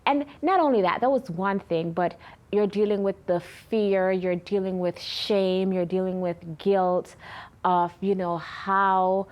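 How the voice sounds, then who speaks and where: A woman in her thirties giving an earnest personal testimony in an interview, lively when she retells conversations. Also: medium pitch, unhurried. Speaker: interview guest.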